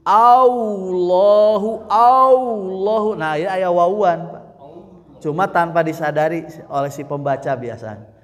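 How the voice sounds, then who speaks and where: Sundanese man, recitation teacher, a bit high, slow and patient, long hall echo. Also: steady tone. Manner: explains patiently, then demonstrates by chanting words slowly. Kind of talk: religious lesson with recited examples. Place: mosque study session.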